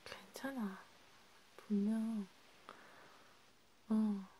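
A woman in a whispered role-play, comforting a friend softly and soothingly, slipping between a quiet voice and a whisper. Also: medium pitch, fairly even intonation, very slow, slight background noise, low-quality recording. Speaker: ASMR creator.

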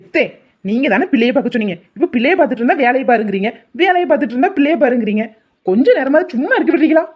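A woman voicing a fed-up, sharp-tongued young daughter-in-law in a cartoon story. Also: high voice, lively intonation, muffled recording. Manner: quick, retorting.

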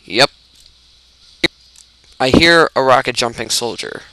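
A young man giving casual, rambling, excitable commentary while he plays a video game, laughing often. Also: medium pitch, slow. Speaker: gaming YouTuber.

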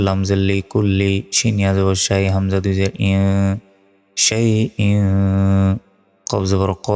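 A man with a Bangladeshi accent, teaching Quran reading by spelling out letters and then chanting each verse slowly. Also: sits low, darkish tone, clean tone, big-room sound. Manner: slow and deliberate, chanting verses.

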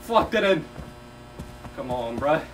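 A young Mexican gaming streamer with a higher voice and slow delivery commentates a VR horror game, excitably swearing, trash-talking in slang, and yelping whenever he gets scared. The mic sounds distant, with noticeable background noise and hum.

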